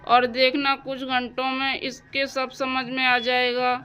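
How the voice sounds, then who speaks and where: A woman voicing a calm, indulgent father in a doll-house cartoon story, speaking in a reassuring way. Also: high voice, a little slow, smooth, faint music behind. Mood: soothing. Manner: soothing, reassuring.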